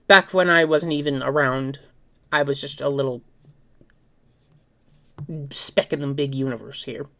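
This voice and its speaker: A woman's voice: rumbling low, steady tone, a little slow, long pauses, sharp tone. A woman vlogger chatting casually on her own and telling a story, rambling and informal, correcting herself as she goes. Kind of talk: casual solo chat and storytelling.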